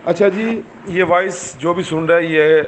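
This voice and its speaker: A man's voice: high voice, fairly even intonation, noisy background. A man with a Pakistani accent giving a fervent political speech, full of rhetorical questions, recorded while driving. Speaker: movement chairman.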